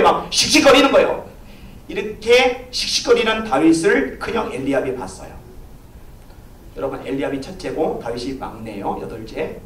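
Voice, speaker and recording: A pastor preaching a sermon, telling a story with lively swings of voice and acting out the people in it. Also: male voice, high-pitched. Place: church sanctuary. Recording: echoey church, from far off.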